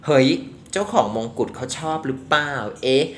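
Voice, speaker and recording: A man's voice: fairly high pitch, expressive, normal speed, slight background noise. Chatty man giving a tarot reading. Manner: chatty, affectionate, calls the subject "child". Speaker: tarot reader. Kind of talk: casual tarot reading commentary.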